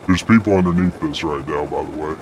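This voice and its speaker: Joking around during an online game, a gaming video creator keeps up crude, playful, slang-heavy banter. He speaks fast at an extremely low pitch, a little mellow, on a muffled recording with faint noise and game sounds.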